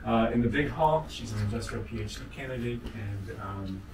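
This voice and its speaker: A man's voice: on the low side, normal speed, noisy background. Courteous man hosting, distant echoey room. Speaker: museum heritage manager, host. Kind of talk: event introduction. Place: small meeting room. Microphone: far camera.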